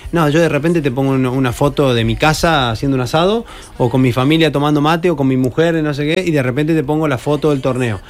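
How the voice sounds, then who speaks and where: A man's voice: on the high side, fast talker. Chatty Argentine man telling stories. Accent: Rioplatense Argentine. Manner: chatty storyteller, many restarts. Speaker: professional padel player, radio guest. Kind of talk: casual radio interview. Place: radio studio.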